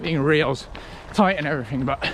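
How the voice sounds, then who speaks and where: A man talking casually to camera as a running vlogger, in a reflective, conversational way with halting short phrases. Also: on the high side, a little hiss or hum. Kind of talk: casual vlog talk to camera.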